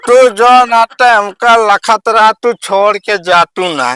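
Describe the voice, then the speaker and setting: A man's voice: high-pitched, slow pace, bright, forceful tone, slight background noise, full character voice. A man with an Awadhi accent playing a boastful, quarrelsome village drunk in a comedy sketch, slurring and rambling. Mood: cajoling. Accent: Awadhi, eastern Uttar Pradesh.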